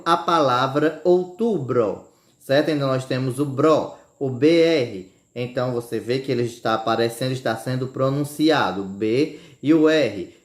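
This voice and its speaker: A man's voice: medium pitch, echoey room. Male teacher asking "certo?" constantly. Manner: repeats "certo?" after nearly every phrase, slow deliberate explanation. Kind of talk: recorded remote grammar lesson. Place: room at home by a street.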